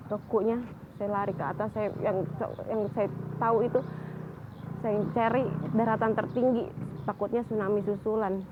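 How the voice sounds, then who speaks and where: A young adult woman recounting her own tsunami survival in a halting way, with frequent restarts and repeated words. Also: fairly high pitch. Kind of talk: personal testimony. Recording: phone-like band, faint noise.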